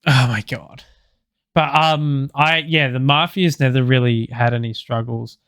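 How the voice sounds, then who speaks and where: A man's voice: medium pitch, measured pace, a bit bright, clear, resonant tone, dry recording. An Australian man co-hosting a podcast, telling rambling stories with plenty of swearing and laughter. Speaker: podcast co-host. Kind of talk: casual chat, storytelling.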